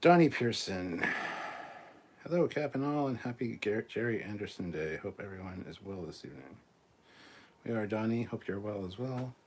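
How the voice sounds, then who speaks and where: A man hosting a live stream, reading viewer comments aloud and answering them in a relaxed, chatty way. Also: fairly low pitch, normal speed, slightly rough. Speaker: host of a live fan show.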